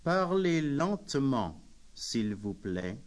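A man reading French phrases as a language lesson drill, saying each phrase slowly and plainly. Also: mid-range voice, very animated. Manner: says each phrase slowly and plainly, with pauses for the listener to repeat. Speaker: language course speaker. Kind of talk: slow, deliberate phrase drill.

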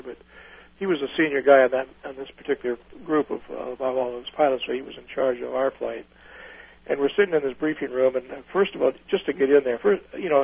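Gravelly older man telling war stories. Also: medium pitch, no room sound, phone-quality sound. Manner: folksy, rambling storyteller with many restarts. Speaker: retired pilot interviewee. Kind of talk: oral history recollection.

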